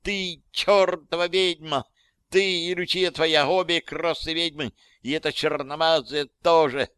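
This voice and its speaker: A man's voice: on the high side, fairly even intonation, a little slow, fairly bright tone, clean tone, no echo, voice pushed up. A man voicing a scared, spiteful teenage girl who shrieks. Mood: shrill panic.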